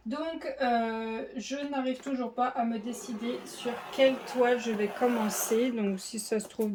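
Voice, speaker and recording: A woman's voice: a little high, mellow, a little hiss or hum. A woman chatting casually through an unboxing, full of fillers and self-deprecating asides. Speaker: diamond painting vlogger.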